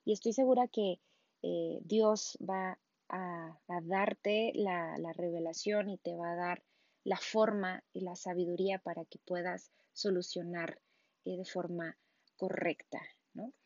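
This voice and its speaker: A woman's voice: fairly low pitch, steady tone, unhurried, a little mellow, no echo, dull audio. A woman gives a casual sermon, talking conversationally and often checking in with the listener. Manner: conversational, frequent tag questions and restarts. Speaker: preacher.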